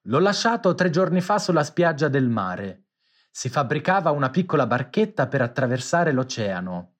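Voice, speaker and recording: Man voicing a calm storybook pigeon. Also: fairly high pitch, normal speed. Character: helpful big pigeon, calm and kind.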